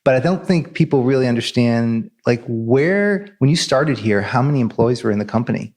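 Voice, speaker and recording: A man's voice: medium pitch, lively intonation, moderate pace, a little mellow. Man, podcast host, casual interview, friendly, chatty. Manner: friendly, chatty, laughs often.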